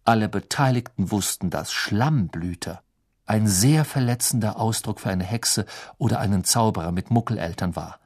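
A man narrating an audiobook in an expressive storytelling manner. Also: on the low side, normal speed, breathy edge. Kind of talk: scripted narration.

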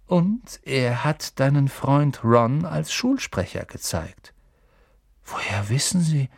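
A man voicing an earnest, somewhat shy young boy wizard, pitching his voice up and speaking hesitantly, in a storybook reading. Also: lively intonation, slow, vocal fry, breathy edge, no echo, clean studio sound, heavily acted.

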